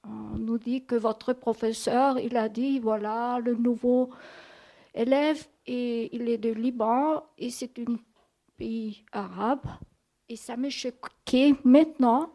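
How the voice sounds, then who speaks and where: A woman with a foreign accent who is not a native speaker, asking an audience question in a halting, apologetic way as she searches for words. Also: on the high side, steady tone, warm tone. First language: not French. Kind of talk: spontaneous question at a public talk.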